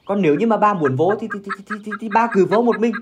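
A man playing a stubborn, proud poor village husband who talks gruffly and dismissively and is quick to shout. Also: a little high, expressive, muffled recording, background noise, lightly acted. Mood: angry. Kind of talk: amateur village skit acting.

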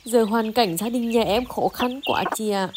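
A worried, pleading village wife in a rural skit, acted by a woman. Her voice sits high and earnest. The recording is noisy. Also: moderate pace, close to an everyday voice.

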